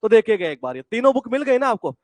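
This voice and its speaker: A man with a fairly high voice teaches a live English class from a campus classroom, chatting casually with students in the room and viewers online. His sound is dry and close, with little room echo. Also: sing-song, quick pace, a little mellow. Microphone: classroom mic and speaker, streamed online.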